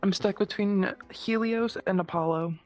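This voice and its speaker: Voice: mid-range voice, moderate pace. A guest chatting casually through a voice changer, asking aloud whether it works. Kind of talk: casual chat.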